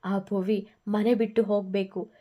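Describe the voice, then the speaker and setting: A woman voicing a scheming older woman who quietly plots against the couple. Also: medium pitch, level tone, measured pace, close to an everyday voice.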